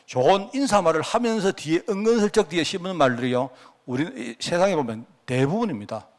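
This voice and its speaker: Lively Gyeongsang-accented male pastor preaching. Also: fairly high pitch, brisk. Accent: Gyeongsang Korean. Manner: conversational, keeps asking the listeners questions. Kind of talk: sermon to a congregation.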